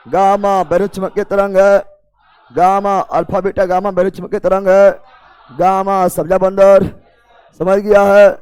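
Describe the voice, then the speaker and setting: In an exam coaching class, a man with a Bihari accent lectures in a high, smooth, slightly mellow voice, keeping a measured pace and little pitch movement. He repeats key phrases as though dictating and drills students with questions, teasing them informally.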